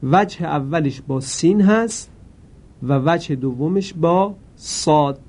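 A Quran recitation teacher gives a reading lesson in a mellow, slightly high voice, explaining slowly and carefully. Occasionally he chants a single word, stretching it out and raising the volume.

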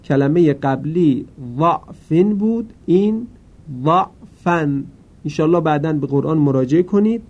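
A man teaching Quran reading in a careful, slow way, now and then chanting a word slowly. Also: lively intonation, lo-fi sound. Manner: chants the words slowly, louder and higher. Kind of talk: lesson.

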